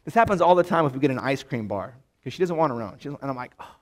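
A man's voice: mid-range voice, expressive, quick pace. A man teaching a Bible lesson in a casual, conversational way, full of fillers and restarts.

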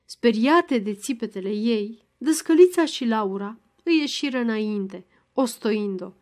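A woman narrating a classic novel as an audiobook, in an expressive, measured storytelling manner. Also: fairly high pitch.

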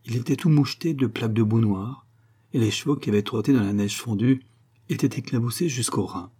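A man reading a novel aloud as audiobook reader, in measured, even storytelling. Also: medium pitch, breathy edge.

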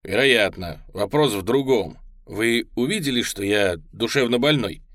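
A man voicing a feverish, grandiose man who believes he alone can change history, speaking with manic excitement. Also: medium pitch, unhurried, no echo, studio quality, natural voice. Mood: fervent.

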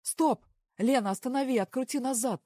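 A woman's voice: low-pitched, fairly even intonation, brisk, dark tone, dry recording, studio quality, voice pushed down. A woman voicing a young male office coworker who speaks in a subdued, deflated way. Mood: alarmed.

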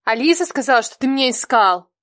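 A man's voice: very high-pitched, lively intonation, quick pace, bright, forceful tone, dry recording, studio quality, voice pushed up, full character voice. A man voicing a prim ex-wife who pleads and bristles, raised well above his own voice in an audiobook. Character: ex-wife, prim, pleading then defiant woman.

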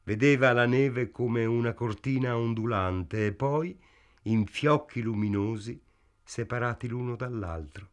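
A man narrating a novel as an audiobook in a measured, even literary reading style. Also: medium pitch.

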